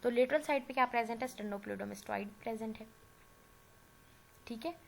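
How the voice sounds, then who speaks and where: A woman with a sore throat gives a recorded anatomy lecture, her slightly high voice gravelly and moving at a normal pace. She explains patiently, mixes in English medical terms, and keeps checking in with her students with "theek hai." The audio quality is poor, with faint background noise.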